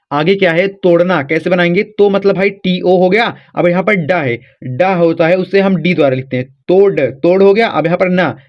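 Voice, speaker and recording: Man, teacher, high voice, patient and repetitive, muffled lo-fi recording. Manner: patient, repeats rules and checks in with "ठीक". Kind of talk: spelling lesson for children. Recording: dull lo-fi sound.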